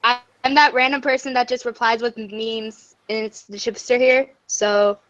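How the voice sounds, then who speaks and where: A woman's voice: on the high side, fairly even intonation, normal speed, a bit bright, lo-fi sound. A woman on a livestream as a guest, playful and giggly in casual chat.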